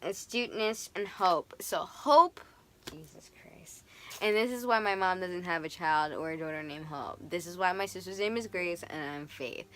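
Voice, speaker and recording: A young woman giving a casual, animated tarot reading, chatty and playful. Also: lowish voice, moderate pace, hardly any pauses. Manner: animated, chatty, swings into playful quoted voices. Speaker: tarot reader.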